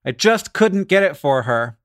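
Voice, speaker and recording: Male podcast co-host, playful and casual, slightly high pitch with big melodic swings. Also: sing-song, unhurried, noisy background. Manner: playful, jokey.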